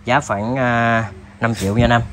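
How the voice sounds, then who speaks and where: A man with a southern Vietnamese accent giving a casual, halting sales demo, addressing viewers informally like buddies. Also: medium pitch, steady tone, fairly bright tone, slight background noise. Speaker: tool seller presenting products.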